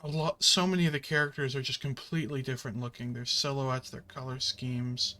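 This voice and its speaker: A man's voice: medium pitch, fairly even intonation, brisk, sharp tone. A man chatting casually while playing a video game, rambling with many fillers and the odd curse at the game. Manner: swears at the game. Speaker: gaming channel host.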